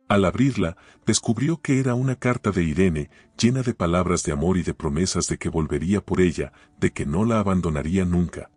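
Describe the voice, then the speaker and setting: A man narrating a scripted dramatic story in a steady, solemn way, recorded close on a dry studio mic. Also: low-pitched, breathy edge, no echo.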